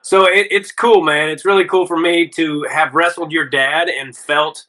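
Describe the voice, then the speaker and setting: A man's voice: fairly high pitch, fairly even intonation, moderate pace, pushed and bright, low-quality recording. A middle-aged man hosting a casual interview podcast, friendly and rambling, with lots of "uh" and "man". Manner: friendly, rambling with many fillers. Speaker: podcast host.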